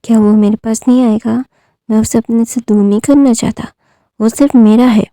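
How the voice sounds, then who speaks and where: A woman narrator puts on a frantic young man from a spoken fan story who keeps stammering and repeating himself. The voice is somewhat high for a man's part, very warm and dark, with a gravelly fry running through it. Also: steady tone, moderate pace, dry recording, natural voice. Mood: desperate. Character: obsessive desperate young man pleading.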